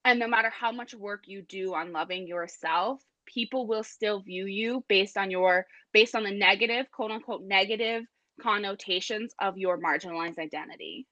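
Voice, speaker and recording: A woman confidence coach talking casually in an interview, animated and acting out little voices in her stories, with some swearing. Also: medium pitch, normal speed, hardly any pauses, dry recording, lo-fi sound.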